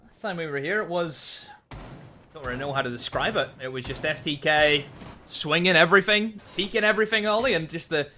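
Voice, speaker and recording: Bright, forceful male esports caster. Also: on the high side, expressive, a little fast, slight background noise. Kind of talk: esports commentary and analysis.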